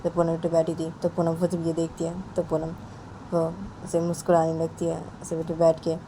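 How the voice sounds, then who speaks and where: A woman tells a homemade family story, rambling and repeating herself as she links the scenes. Her voice sits low and mellow. The narration is unhurried and plain. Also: completely flat delivery, a little hiss or hum, low-quality recording.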